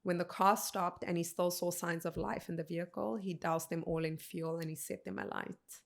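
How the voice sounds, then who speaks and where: A woman in her thirties from South Africa, a podcast guest telling a personal story in an earnest, measured way, quoting what people said. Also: fairly low pitch, fairly even intonation, creaky. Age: 30s.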